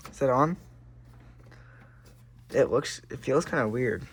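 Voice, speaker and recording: A man's voice: medium pitch, lively intonation, slow, slightly rough. A man narrating casually to himself as he installs hardware, breathing hard. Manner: muttering to himself while working. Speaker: tech vlogger.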